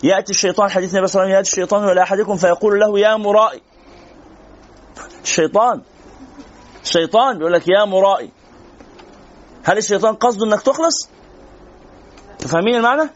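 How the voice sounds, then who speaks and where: A man's voice: high-pitched, racing, long pauses, muffled recording. A man with an Egyptian Arabic accent giving a religious lesson to a class, talking conversationally and answering students' questions. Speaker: sheikh teaching a religious lesson.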